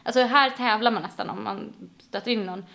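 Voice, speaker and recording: A woman's voice: a little high, vocal fry. A woman from Sweden in casual conversation, telling stories animatedly and acting out the voices of people she quotes. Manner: animated storyteller, acts out quotes. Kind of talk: casual chat.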